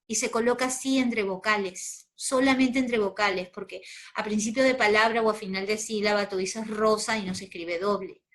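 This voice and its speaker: A woman's voice: medium pitch, steady tone, normal speed, fairly bright tone. A woman with a Peruvian accent teaching a grammar lesson, explaining patiently step by step and checking in with her students. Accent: Peruvian Spanish. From Peru.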